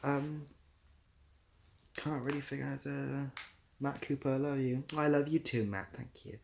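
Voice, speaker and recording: The voice is mid-range and gravelly, with fairly even intonation and a measured pace, over a little background noise. It belongs to a young livestream host and YouTuber from near Bath, who chats casually in a southwest English accent, rambling and mocking himself.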